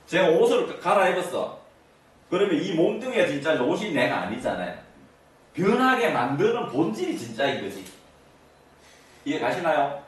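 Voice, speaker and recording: A man giving an interactive lecture to an audience, constantly asking them either-or questions. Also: a little high. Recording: echoey room, mic at a distance.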